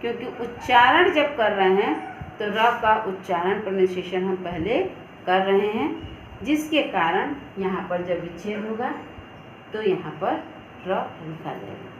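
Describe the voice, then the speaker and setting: A woman's voice: medium pitch, lively intonation, measured pace, dull audio, a little hiss or hum. A woman teaching Hindi to schoolchildren, patiently sounding out syllables one at a time and checking that they follow. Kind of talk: online classroom lesson for children. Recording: echoey room with faint background ambience.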